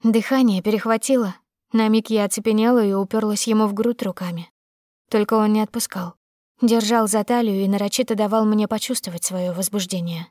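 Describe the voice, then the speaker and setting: A woman narrating a first-person audiobook in a steady, emotive storytelling manner. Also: mid-range voice, brisk, no room sound, studio quality.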